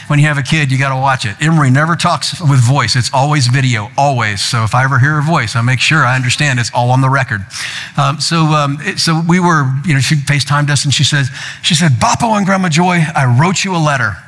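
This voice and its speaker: A man's voice: mid-range voice, fairly even intonation, brisk, a bit bright. Older male pastor preaching in a hall. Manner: storytelling, quoting family in raised playful voices. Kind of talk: sermon. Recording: long hall reverb.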